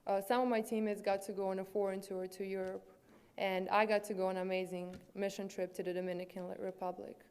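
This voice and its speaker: Serbian accent girl in her 20s doing a banquet speech, smooth clear voice, earnest, lots of ums. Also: medium pitch, level tone, fast, darkish tone. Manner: earnest, with fillers and hesitations. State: swollen lip. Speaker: student athlete.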